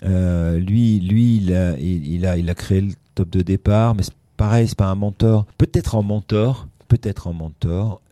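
A man's voice: low-pitched, moderate pace, few pauses, dark tone, no echo, clean studio sound. A middle-aged man, a radio host, telling career anecdotes in casual interview chat with frequent restarts. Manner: anecdotal storytelling with many restarts.

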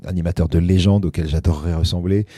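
A middle-aged man with a low voice tells career stories in relaxed interview chat. He keeps restarting his sentences. The recording is dry and close, with no room sound. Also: fast, no echo. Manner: anecdotal storytelling with many restarts. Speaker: radio host recalling his career.

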